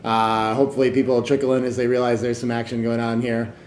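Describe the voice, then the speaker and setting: A man hosting a live tournament stream in a casual, joking way, often trailing off into quiet asides. The room is echoey. A faint noise runs underneath. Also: medium pitch, completely flat delivery, fast.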